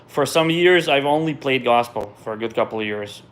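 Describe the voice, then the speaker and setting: In a relaxed viewer Q&A, a middle-aged musician living in Israel, originally a Russian speaker, reads questions aloud and chats through his replies, repeatedly dropping a thought and restarting. He speaks in a mid-range voice at a moderate pace.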